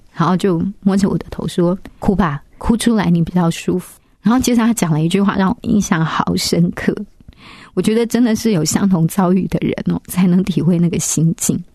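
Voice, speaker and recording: A woman tells her own story softly and reflectively. Her voice sits fairly low and sounds mellow and warm. It is recorded close and dry, with no room sound. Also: no room sound. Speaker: interview guest. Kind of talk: personal testimony.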